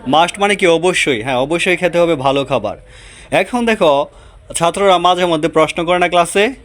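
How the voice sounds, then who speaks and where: A man teaching an English grammar lesson in class. He asks questions, answers them himself, repeats phrases slowly and drills his students. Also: a little high, fairly bright tone. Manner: drills students with call-and-response.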